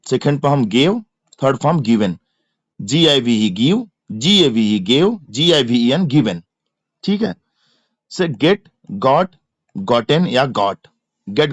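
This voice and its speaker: A man with an Indian accent teaches English verb forms in an exam-prep lesson, repeating each form and spelling its letters. He speaks slowly, and his pitch leaps up and down as he drills. The recording is dry and a little dull. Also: no room sound. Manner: repetitive chanting of word forms, spelling letters aloud.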